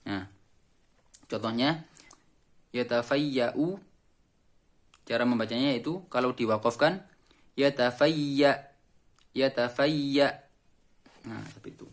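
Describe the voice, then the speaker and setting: Indonesian guy teaching quran recitation, talks in short bits, stretches out the examples slow. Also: medium pitch. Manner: explains in short phrases and slowly chants the examples. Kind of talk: explaining Quran reading rules.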